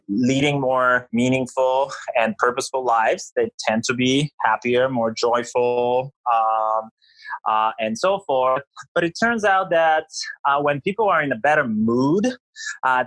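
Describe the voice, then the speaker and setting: A man's voice: medium pitch, fairly bright tone, no echo, poor audio. A middle-aged man from Bulgaria, a psychology researcher guest on a podcast, explaining ideas in a thoughtful, conversational way with many fillers.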